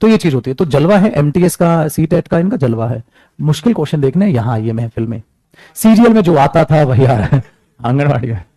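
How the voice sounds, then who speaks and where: A man teaching an English grammar class, talking lively and calling his students beta as he mixes English terms into his talk. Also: on the high side, brisk, no room sound. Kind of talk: classroom lecture.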